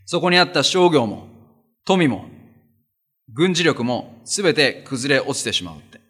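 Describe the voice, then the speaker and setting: A man's voice: medium pitch, big pitch swings, measured pace, a bit bright, husky. A man reading a Bible passage aloud verse by verse, then explaining it to his listeners in a plain, conversational sermon. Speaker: pastor.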